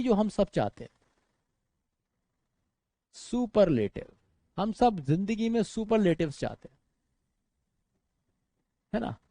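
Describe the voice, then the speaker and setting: A lively Indian English-accented male teacher explaining grammar to exam students, his voice leaping high and low as he talks. His tone is mellow and warm rather than sharp. The sound is dry and close, with no room echo. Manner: animated, addresses students as friends and brother, mixes English into speech. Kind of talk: exam-prep grammar lecture.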